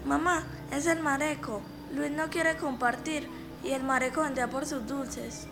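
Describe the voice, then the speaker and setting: A woman's voice: sits high, steady tone, unhurried. A woman playing a bossy big-sister girl. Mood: tattling. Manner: insistent, tells spooky tales in a hush. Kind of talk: storybook character voice. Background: music.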